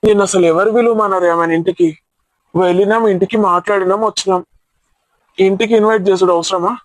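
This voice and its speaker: A man's voice: sits high, fairly even intonation, quick pace, dry recording, lightly acted, low-quality recording. A man playing a playful husband who teases his wife and argues in mock protest. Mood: teasing. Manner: teasing, mock-argumentative. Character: teasing, playful middle-aged husband.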